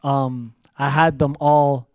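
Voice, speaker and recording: A man co-hosting a podcast, telling a story in an easy, relaxed way. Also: medium pitch, takes it slowly. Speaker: podcast co-host, camp facilitator. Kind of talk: casual podcast chat.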